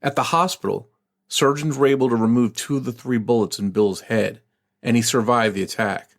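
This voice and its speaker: A man co-hosting a true crime podcast, reading case details and then musing in a halting, measured way. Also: medium pitch, steady tone, gravelly. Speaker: podcast co-host.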